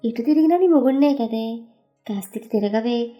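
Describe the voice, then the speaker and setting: A woman's voice: fairly high pitch, normal speed, dull audio, faint music behind, lightly acted. A woman voicing a playful, teasing husband who talks in an easygoing way.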